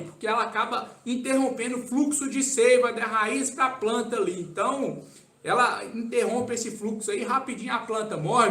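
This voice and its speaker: A Brazilian man answers viewer questions on a live stream in a casual, relaxed way, keeps tagging his sentences with "tá?". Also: very high voice. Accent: Brazilian Portuguese. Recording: echoey room.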